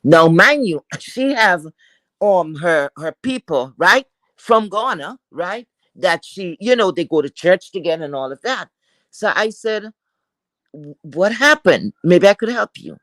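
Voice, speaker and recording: A woman's voice: fairly low pitch, unhurried, no echo. A woman telling a personal story on a livestream video call, acting out the quoted dialogue. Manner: animated, acts out quoted dialogue. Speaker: guest storyteller.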